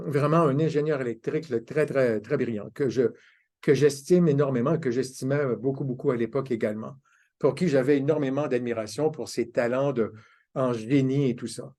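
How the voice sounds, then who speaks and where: A man's voice: medium pitch, darkish tone. An older man, giving a conference talk as a self-mocking, anecdotal storyteller. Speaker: conference speaker. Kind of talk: storytelling lecture.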